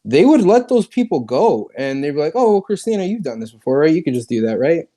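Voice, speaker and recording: A man's voice: on the high side, very animated, fast, dark tone. A man chatting casually as a podcast co-host, with a laid-back, easygoing way of talking and some cursing. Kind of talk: casual chat.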